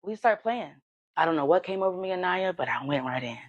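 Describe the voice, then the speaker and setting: A woman guest telling her life story in a casual, animated way, her voice jumping high when excited. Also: fairly quick, dull audio.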